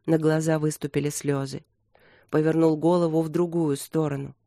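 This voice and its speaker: An audiobook narrator reading a grim battle scene in a measured way. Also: medium pitch, level tone, mellow, dry recording, clean studio sound.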